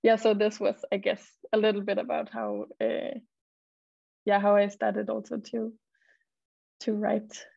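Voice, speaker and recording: A Danish poet and model takes part in a panel talk and reads poetry over a video call from a room at home. Her medium-pitched voice is flat and gravelly, and she's hesitant, using many fillers and reading her poems slowly. The audio is dull and lo-fi, with no room sound.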